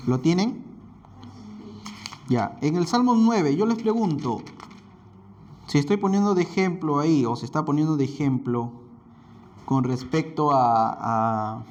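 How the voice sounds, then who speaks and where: A man with a Peruvian Spanish accent is lecturing a classroom, his voice sitting slightly high. He speaks loosely, repeating points and correcting himself with fillers as he goes. The recording is muffled and lo-fi. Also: expressive, measured pace, pauses often, a little mellow. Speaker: Bible institute teacher.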